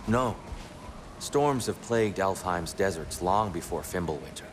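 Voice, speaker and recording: An actor playing a scheming old god disguised as a wise, humble warrior, who speaks in a measured, courtly way. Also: male voice, sits low, expressive, in a large hall, music in the background.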